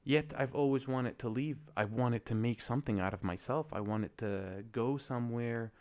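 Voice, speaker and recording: A man's voice: mid-range voice, moderate pace, darkish tone. A young man from Lebanon hosting a solo podcast, talking in a reflective, hesitant way with many fillers. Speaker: podcast host.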